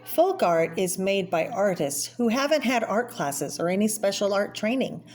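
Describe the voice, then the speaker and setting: With faint music behind her, a woman of medium pitch and darkish tone reads at a moderate pace with lively intonation. The book is a children's art book, narrated plainly and explanatorily as if for young listeners, with brief personal asides, in a homemade read-aloud video where background noise is clearly audible.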